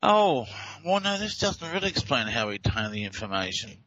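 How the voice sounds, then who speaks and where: A man's voice: medium pitch, big pitch swings, fairly quick, bright, forceful tone, dry recording, highs cut off. A man with an Australian accent hosting a talk show, explaining audio clips in a hesitant way with many fillers and restarts. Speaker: host.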